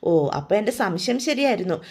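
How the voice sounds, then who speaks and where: A prying, suspicious woman in a family household, played by a woman storyteller mutters her doubts in a lowered voice. The tone is gravelly and slow. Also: expressive, a little mellow. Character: suspicious older sister-in-law, prying.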